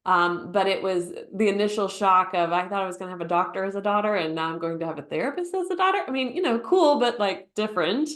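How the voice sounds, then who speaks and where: A woman, a therapist who is a podcast guest, telling her story in a lively way and playfully acting out remembered lines. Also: mid-range voice, fast, hardly any pauses. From United States. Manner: lively storyteller who acts out quotes with laughter. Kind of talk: conversational storytelling interview.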